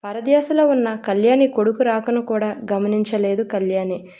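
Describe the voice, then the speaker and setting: Soft-toned woman telling a story. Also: a little high, moderate pace. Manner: steady storytelling, mixes English words. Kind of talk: audio story narration.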